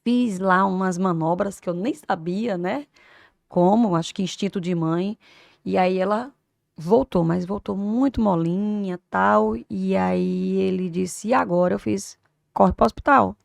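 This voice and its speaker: A woman in her fifties, a teacher and doctor, tells an emotional personal story as an interview guest, swinging between hushed and loud. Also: medium pitch, a little slow, creaky, dry recording, studio quality. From Brazil. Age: 50s.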